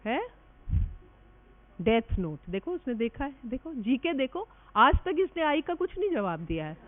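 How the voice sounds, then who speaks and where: A woman's voice: high-pitched, sing-song, measured pace. A woman in her fifties lectures medical students with an Indian English accent, drifting into teasing asides and mixing Hindi with English. Her voice comes through a narrow, tinny, phone-like recording. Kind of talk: classroom lecture.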